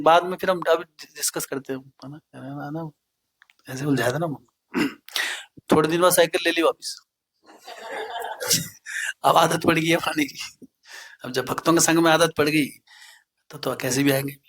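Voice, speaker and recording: A man's voice: medium pitch, a bit bright. A man giving a devotional talk, telling anecdotes in a conversational way and often checking in with his listeners. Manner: anecdotal, peppers speech with "है ना?" and English phrases. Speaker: preacher.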